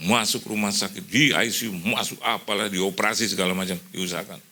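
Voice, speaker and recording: A middle-aged Indonesian man preaching a sermon as pastor in a church hall, telling stories with lively delivery, slipping in English phrases and acting out the voices he quotes. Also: lowish voice, brisk.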